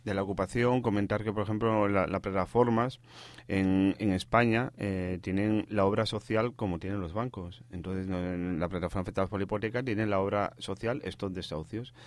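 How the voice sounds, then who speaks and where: A fairly low-voiced man speaks on a dry, close radio mic as an interview guest. He pauses often, repeats words and corrects himself as he goes. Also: steady tone, dry recording. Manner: halting, many restarts and self-corrections. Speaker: housing activist guest.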